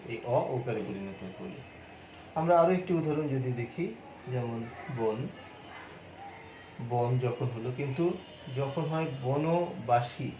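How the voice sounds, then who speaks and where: A male teacher giving a classroom lecture on pronunciation, explaining patiently, repeating points and drawing out example words slowly. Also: mid-range voice, darkish tone. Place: classroom with a board. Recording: echoey room, dull sound, faint hiss.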